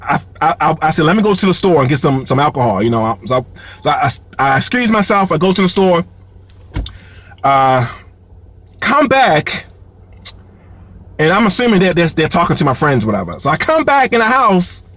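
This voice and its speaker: Brief: man, high voice, animated comic storyteller, lots of fillers and restarts. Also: moderate pace, long pauses. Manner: heavy fillers and repeated words; animated, laughs between lines. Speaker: comedian telling a story.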